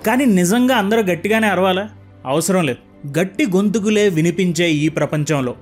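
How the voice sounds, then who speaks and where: A young man narrating a book summary in an earnest, reflective way, asking calm rhetorical questions. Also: sits high. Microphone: close microphone.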